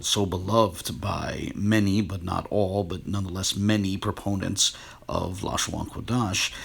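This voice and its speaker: Low, gravelly man explaining scripture. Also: a bit bright. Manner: measured, scholarly, walks through sources on screen. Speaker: video essayist on biblical words. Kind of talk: screen-share explanation.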